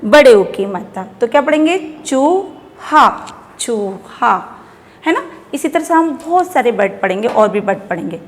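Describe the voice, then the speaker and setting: Indian woman primary teacher, fairly high voice, deliberate pace, long reverb on the recording. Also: very animated, darkish tone. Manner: slow, drawn-out syllables for children to repeat. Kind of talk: children's phonics lesson.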